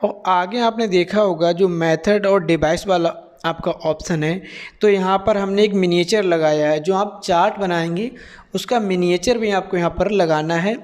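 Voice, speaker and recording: A man with a high voice walks through a lesson plan like a teacher educator. He is methodical, goes one point at a time and keeps checking that his listeners follow. He is from India. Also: moderate pace, a little mellow. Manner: methodical, step by step, checks in with "theek hai".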